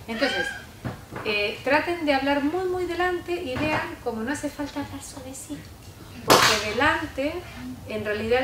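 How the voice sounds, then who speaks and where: A woman leads a lecture workshop, explaining her points step by step and pausing to check in with the room. Her voice sits fairly high for a woman. It comes from far off the microphone in an echoey hall, with steady background noise. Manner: instructive, often checks in with listeners with a short question tag. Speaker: speaker giving a talk on how adults speak to children. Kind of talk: workshop lecture with spoken demonstrations. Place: lecture room with a live audience.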